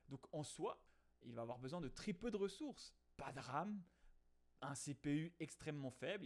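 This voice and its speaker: A man hosting a casual coding tutorial, explaining in a lively way with fillers and quick self-corrections. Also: mid-range voice, vocal fry. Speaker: programming tutorial host.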